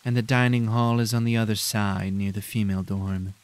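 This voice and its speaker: A man putting on a smug, nasal professor droning along. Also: natural voice. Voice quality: nasal, high monotone. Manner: cold, slow and drawn-out. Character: smug, condescending male professor giving a tour.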